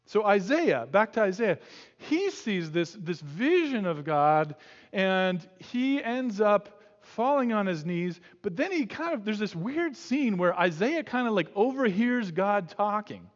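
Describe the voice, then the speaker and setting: Male pastor, sermon, higher voice, lively joking storytelling, long echo in a church hall. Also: muffled recording. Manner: animated storytelling, acts out quotes with joking asides.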